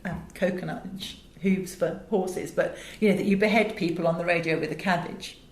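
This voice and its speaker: Guesting on an interview, this voice director and audio producer from England shares lively anecdotes with emphatic, theatrical flair. A middle-aged woman with an English accent, she speaks at a moderate pace in a fairly low voice with fairly even intonation, recorded in an echoey room with faint background noise.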